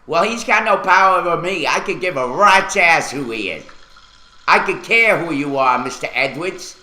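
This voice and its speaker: A man's voice: fairly high pitch, expressive, normal speed, bright, forceful tone, echoey room, poor audio. A man hosting a radio talk show, ranting angrily and swearing at local officials. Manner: furious, profane, ranting. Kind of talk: angry on-air rant.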